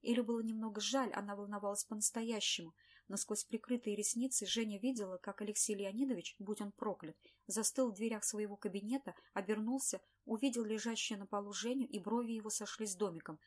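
A woman narrating an audiobook in a steady, lightly ironic storytelling manner. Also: medium pitch, fairly quick.

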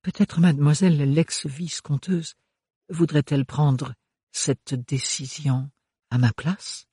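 A man doing a placid young noblewoman in a storybook, her voice low-key and weary, each word measured. The recording is dry and close. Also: steady tone, slightly rough, no echo, heavily acted. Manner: quiet, measured, tired.

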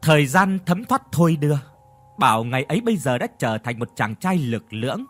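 A man narrating a scripted audio story in an expressive, dramatic storytelling manner. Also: a little high, fairly quick, faint music behind.

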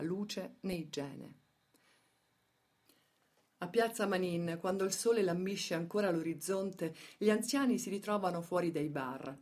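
Measured and emphatic, a woman on the low side vocally delivers dramatic documentary narration from a script for radio theatre, separating phrases with pauses.

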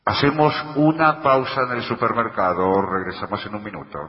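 A pompous supermarket loudspeaker voice, put on by a man in a radio comedy sketch, making declamatory announcements. The voice is low, with long reverb, faint noise and a dull radio sound. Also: lively intonation, moderate pace, close to an everyday voice. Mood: announcing.

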